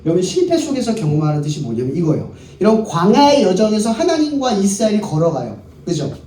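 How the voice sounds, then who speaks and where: A man's voice: sits high, huge pitch swings, quick pace, warm tone. A male pastor preaching a sermon to a youth service, keeping the crowd engaged by asking them questions and answering them himself. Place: worship hall. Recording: echoey room, voice picked up from a distance, faint background noise.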